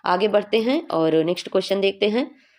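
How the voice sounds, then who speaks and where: A woman's voice: medium pitch, animated, a little fast, darkish tone. A young woman teaching a Hindi exam revision class, explaining each answer patiently and often checking in with her students.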